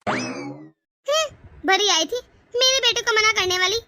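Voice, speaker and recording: A woman's voice: very high-pitched, huge pitch swings, measured pace, bright, forceful tone, exaggerated voice. A woman voicing a scheming, bossy sister-in-law in a cartoon, taunting and sly. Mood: smug. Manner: taunting, sly, self-pitying. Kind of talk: cartoon voice acting.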